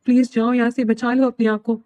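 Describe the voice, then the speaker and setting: A woman's voice: on the high side, level tone, dark tone, dry recording, natural voice. A woman voicing a middle-aged mother who urgently begs her daughter to flee. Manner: urgent, pleading.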